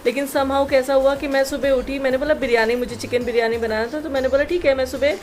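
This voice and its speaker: A woman's voice: high-pitched, fairly even intonation, fast. A woman in her thirties with a Jharkhand Hindi accent, chatting casually in a home vlog from her kitchen while she cooks and tells a story. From India. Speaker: vlogger.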